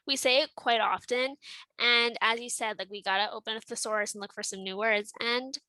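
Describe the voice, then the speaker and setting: Bright young woman, close dry sound. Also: fairly high pitch, steady tone, moderate pace, dry recording. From Montreal, Canada. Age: about 20. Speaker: podcast co-host. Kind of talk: casual chat. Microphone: headset.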